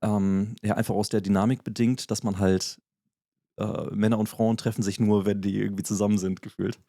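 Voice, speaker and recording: A podcast co-host with a low, mellow, gravelly voice chats casually, explaining a topic at an easy conversational yet fairly quick pace. His delivery is flat and full of fillers and restarts. The recording is dry and close-miked, with no echo or room sound.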